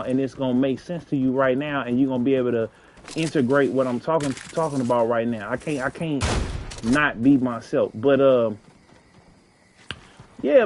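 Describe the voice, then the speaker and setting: A man with a St. gives casual advice while playing a game on stream, sounding earnest and somewhat preachy and using street slang. He keeps circling back and repeating phrases to drive his point home, and a faint hiss sits beneath his mid-pitched voice.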